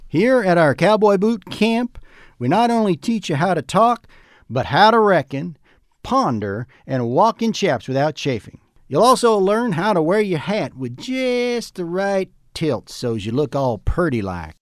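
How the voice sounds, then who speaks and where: Man, mock cowboy ad pitch, high voice, swooping delivery, dry close sound. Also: big pitch swings, measured pace, no echo. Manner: folksy exaggerated cowboy talk. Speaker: comedy ad pitchman. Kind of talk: mock commercial, over-the-top cowboy drawl.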